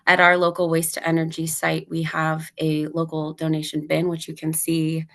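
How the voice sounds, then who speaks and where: A woman whose voice is still weak after laryngitis presents in a webinar. Her voice sits very low and stays flat, with a gravelly fry, and she moves steadily through her slides. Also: normal speed. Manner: steady, informative delivery that cues slides. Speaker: nonprofit thrift store operations director.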